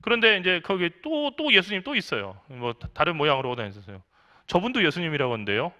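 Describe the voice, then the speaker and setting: A man's voice: high-pitched, wildly swooping pitch, fast talker, sharp tone. A middle-aged man, a senior pastor, preaching a sermon in a conversational way, asking the congregation questions and acting out quotes. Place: church.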